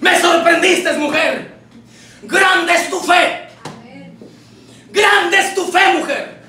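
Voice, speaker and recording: A male preacher voicing Jesus as an astonished, commanding teacher who proclaims loudly, recorded from far off in an echoey church. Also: extremely high pitch, slow, full character voice. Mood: proclaiming.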